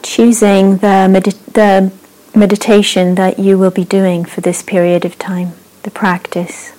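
A woman teaching a meditation class, guiding the practice in a slow, gentle way with long pauses. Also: medium pitch, level tone, low-quality recording. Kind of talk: guided meditation.

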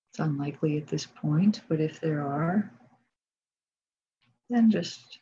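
In a dull, muffled lo-fi recording, a woman meditation teacher talks gently and calmly, her soft, husky voice sitting low and broken by long pauses as she guides the session.

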